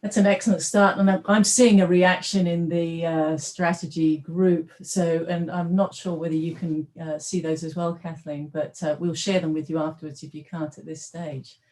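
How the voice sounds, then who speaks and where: A woman from Australia moderates a virtual panel over a video call. She speaks politely and at a measured pace, with a few fillers as she introduces each question. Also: lowish voice, flat delivery, darkish tone.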